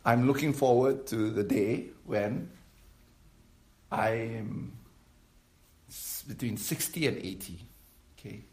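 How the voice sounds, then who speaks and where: A man's voice: mid-range voice, takes it slowly, long pauses, a little mellow. Guy in his late 50s preaching, talks to the crowd like a chat, echoey church. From Malaysia. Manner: conversational preaching with audience questions. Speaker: pastor. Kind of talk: sermon.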